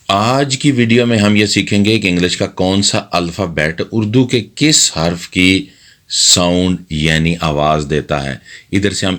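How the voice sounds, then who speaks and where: Low-voiced man teaching phonics. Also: fairly bright tone. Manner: slow, deliberate spelling-out of words. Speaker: English teacher. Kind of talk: phonics lesson.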